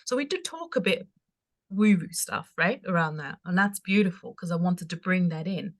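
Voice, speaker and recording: A woman from Austria with an Austrian accent, a podcast guest telling her story in an animated, chatty way with frequent laughs. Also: lowish voice, normal speed. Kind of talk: casual interview chat.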